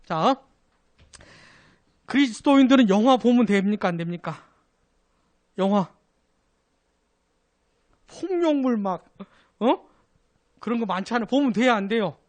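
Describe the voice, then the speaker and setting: A man's voice: high-pitched, animated, unhurried, pauses often, a little mellow. A man, a pastor teaching a Sunday doctrine class, who keeps asking his listeners questions and then answers them himself.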